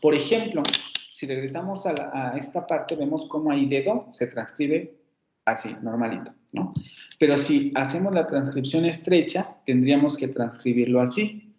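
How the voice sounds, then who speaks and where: A man's voice: fairly high pitch, moderate pace, a little mellow, echoey room, lo-fi sound. A man giving an online phonetics lecture. He explains step by step, repeats example words and corrects himself as he goes. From Mexico. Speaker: university phonetics teacher.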